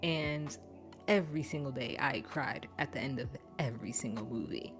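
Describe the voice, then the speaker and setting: A woman hosting a spiritual podcast, talking in a gentle, reflective way that drifts into asides and laughs easily. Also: a bass voice, moderate pace. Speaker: podcast host, spiritual teacher. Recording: music clearly underneath.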